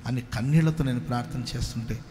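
A male pastor from Karnataka giving a sermon testimony, moving from soft pleading to loud exclamations and calling for hallelujahs. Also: mid-range voice, quick pace. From Karnataka, India. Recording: echoey hall with faint noise.

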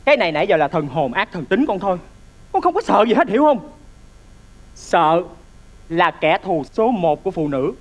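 A woman's voice: lowish voice, very animated, normal speed, long pauses. A woman playing a bossy mother in a stage comedy, snapping orders at her daughter. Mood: scolding. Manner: scolding, snappy commands.

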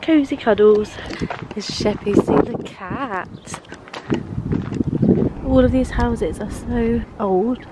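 Croaky young woman vlogging. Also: on the high side, slow, long pauses, very noisy. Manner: chatty, softly sing-song baby talk. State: croaky and bunged up from a cold. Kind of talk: casual vlog chat. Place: outdoors, walking along a road. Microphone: handheld camera.

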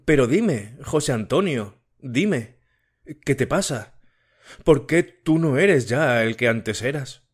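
A man's voice: medium pitch, expressive, takes it slowly, breathy edge. A man voicing a sickly, tearful young woman in an audiobook, pleading with her fiancé. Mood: sad. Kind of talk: audiobook character reading.

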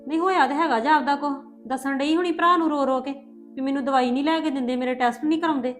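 A woman's voice: high voice, fairly even intonation, fast, lightly acted. A woman playing a stern, scolding mother-in-law. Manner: scolding, sharp. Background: music.

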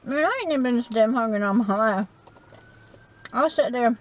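A woman's voice: on the high side, animated, fairly quick. A middle-aged woman with a Southern US accent, chatting in a rambling, folksy way as she eats in her parked car at night, recorded on a dashboard camera. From South Carolina. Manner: rambling, folksy, chats while eating. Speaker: vlogger. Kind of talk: casual chat.

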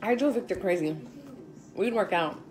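A woman in her twenties, a fitness instructor, talking in a chatty, loud, slangy way in a casual vlog. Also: mid-range voice, normal speed, a crowd in the background, poor audio.

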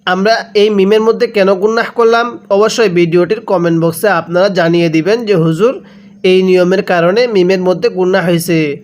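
A man teaching Quran recitation step by step, chanting each word slowly and asking the listener questions he then answers. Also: high voice, steady tone, a little mellow. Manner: drawn-out chanted recitation between brisk explanations.

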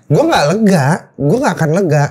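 A woman with a lowish voice that swoops up and down as she tells a story in a relaxed interview. She talks in casual slang and repeats words for emphasis. She acts out her own thoughts as she goes. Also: moderate pace, husky. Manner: animated, acts out quoted thoughts. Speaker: guest.

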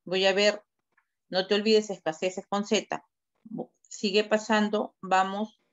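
Slow and flat in delivery, a woman's mid-range voice carries a teacher's direct, corrective feedback on student work during an online class. She gives instructions step by step, and the video call audio is dull and lo-fi.

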